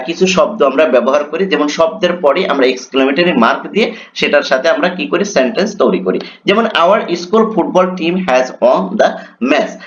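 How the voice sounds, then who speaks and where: A man with a Bengali accent teaching an English grammar lesson, reading the English examples slowly and explaining them with rhetorical questions. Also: fairly high pitch. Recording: dull lo-fi with faint noise.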